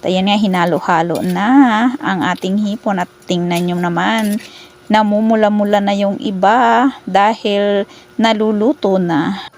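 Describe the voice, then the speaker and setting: A woman's voice: mid-range voice, steady tone, a little slow. A woman with a Filipino accent narrating a casual outdoor cooking vlog, chatty and upbeat, often calling the viewers guys. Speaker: cooking vlogger. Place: outdoor home kitchen with wood fire.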